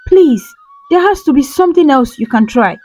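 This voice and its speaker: A woman's voice: high-pitched, expressive, moderate pace, voice pushed up. A woman voicing a worried, pleading man. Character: anxious devoted man pleading with a doctor. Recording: slightly dull recording with soft music.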